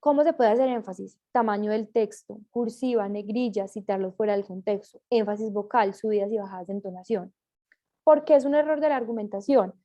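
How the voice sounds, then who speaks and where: A woman's voice: medium pitch, a little fast, warm tone, muffled recording. A woman reading a class presentation aloud, with small slips and self-corrections as she goes.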